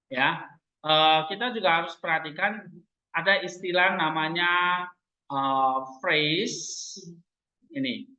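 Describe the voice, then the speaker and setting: A man's voice: a little high, sharp tone. A man teaching a grammar lesson, quizzing his class with frequent "eh" fillers. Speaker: Greek language teacher. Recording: roomy, dull classroom recording.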